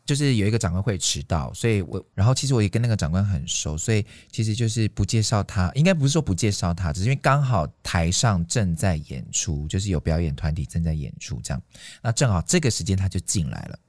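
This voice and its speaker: A man's voice: sits low, quick pace, no echo. A man, co-hosting a casual podcast chat and telling stories about his emcee work, acting out the dialogue. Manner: animated, acts out quoted dialogue. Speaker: podcast co-host and event emcee.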